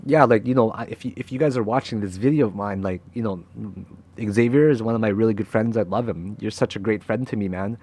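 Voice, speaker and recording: A young crypto trader who hosts a channel gives a candid, emotional motivational talk to camera, swearing freely and often tagging on "right?". His voice is lowish and darkish in tone, and he speaks fairly quickly.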